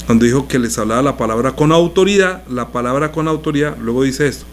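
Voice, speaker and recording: A man's voice: mid-range voice, quick pace, a little hiss or hum. A male pastor teaching a sermon in a conversational way, explaining scripture with everyday examples.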